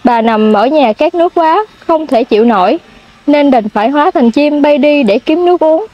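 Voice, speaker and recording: A young woman voicing a loving old grandmother who has turned into a cuckoo bird, speaking gently, as in a storybook. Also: sits high, animated, moderate pace. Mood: tender. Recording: dull lo-fi sound.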